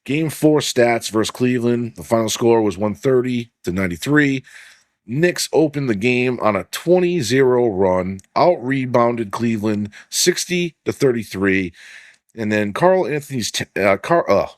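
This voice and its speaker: A man's voice: mid-range voice, animated, a little slow, no room sound, studio quality. A man hosting a casual sports podcast, swearing freely and leaning on fillers while he reads off stats. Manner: loose and profane, heavy on filler "like", reads stats aloud. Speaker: podcast host.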